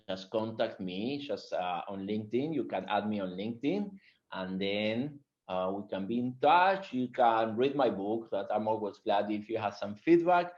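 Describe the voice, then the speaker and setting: A man's voice: medium pitch, highs cut off. Man with a strong Spanish accent. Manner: animated, frequent fillers and restarts. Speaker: guest speaker. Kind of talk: webinar presentation.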